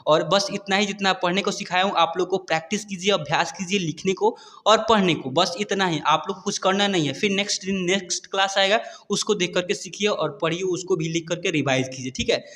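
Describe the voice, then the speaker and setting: A man with a fairly high voice leads a slow reading lesson, sounding out each word letter by letter before joining it up. His voice hangs in a long, echoing reverb. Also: a bit bright. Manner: spells words out letter by letter, repeating "ठीक है". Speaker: Hindi teacher.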